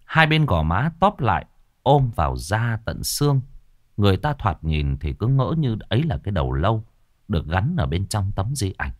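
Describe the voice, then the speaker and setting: A man narrating a ghost story in a slow, somber way. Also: on the low side, very animated. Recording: faint music behind the voice.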